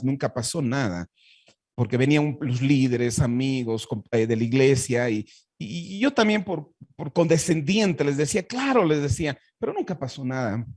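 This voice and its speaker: A man's voice: mid-range voice, animated, normal speed, darkish tone, no echo. A Bolivian man with a Bolivian Spanish accent, a pastor telling his personal faith testimony in an earnest, heartfelt way with frequent restarts.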